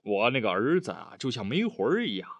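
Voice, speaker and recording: A man's voice: mid-range voice, sing-song, brisk, dry recording, pitched above the performer's own voice. A man voicing an eager, earnest middle-aged official who keeps pressing his case in a storybook reading. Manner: earnest, pleading, talkative.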